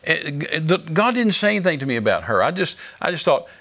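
A man's voice: fairly high pitch, big pitch swings, brisk, a bit bright. A male guest minister earnestly telling a dramatic testimony in conversation.

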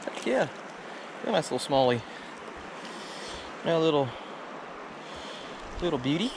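Out in a river, a young fishing vlogger keeps up loose, casual narration in a bright, high voice, exclaiming in a folksy, excited way. The rushing water comes through loudly on his head-mounted camera mic.

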